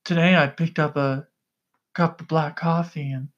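Man, podcast co-host, casual chat, loud, excitable, rambling stories. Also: fairly high pitch, moderate pace, lo-fi sound. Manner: yells excitedly into the mic; rambling storyteller who keeps saying "okay?".

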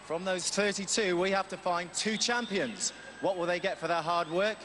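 A man co-hosting a 1990s TV game show in an arena, announcing prizes and contenders in a lively, hyped way. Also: high-pitched, moderate pace. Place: indoor sports arena with a loud crowd. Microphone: handheld mic. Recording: noisy arena broadcast with crowd roar.

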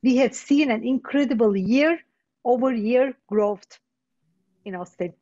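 High-voiced woman reading a script. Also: slow pace, mellow, highs cut off. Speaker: presenter. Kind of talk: scripted read-out.

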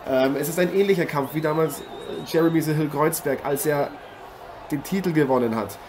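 In this improvised German audio drama, a man portrays an enthusiastic boxing host on TV, talking fairly quickly in a slightly high, near-everyday voice. He is engaged and effusive, formally greeting viewers as arena noise fills the background.

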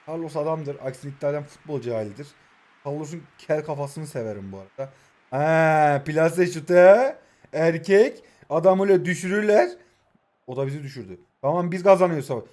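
A young man in his twenties, originally from Kahramanmaraş, who speaks with an Istanbul Turkish accent and has a rather high voice. He commentates a mobile football match live, excitable and jokey, and keeps shouting instructions at his players. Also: slight background noise. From Kahramanmaraş, Turkey. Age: 20s. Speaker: mobile football gaming YouTuber.

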